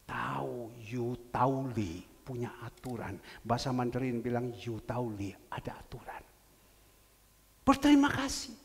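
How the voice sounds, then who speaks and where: A male pastor preaching a sermon, telling stories with big swings from loud cries to hushed whispers. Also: mid-range voice, fairly even intonation, unhurried, creaky, few pauses, in a large hall. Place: church sanctuary.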